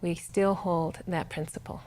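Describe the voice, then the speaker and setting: A woman on a massage school's staff calmly explains its philosophy in a promotional interview. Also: fairly low pitch, a little slow. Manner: calm, explanatory.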